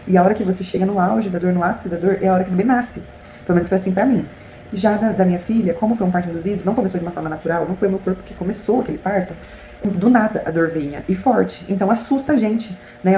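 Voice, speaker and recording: A young woman with a Brazilian Portuguese accent tells her story to viewers at a brisk, chatty pace, breaking off for frequent asides. Her voice sits fairly low and mellow. The recording has a roomy echo and a faint background hiss. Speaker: vlogger. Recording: echoey room with faint hiss.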